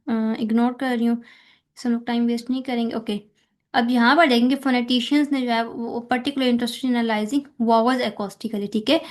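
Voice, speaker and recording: A woman with a Pakistani accent walks students through exam questions in a fairly high voice. She mixes English technical terms into her explanations and keeps checking in with the listener. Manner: explains in Hindi-Urdu mixed with English terms, repeats "ठीक है" often. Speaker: tutor. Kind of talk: exam-prep lecture.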